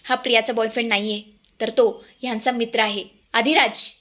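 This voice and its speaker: A woman voicing a composed young wife calmly reassuring her family. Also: on the high side, fairly quick, close to an everyday voice. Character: calm, composed young wife revealing truth.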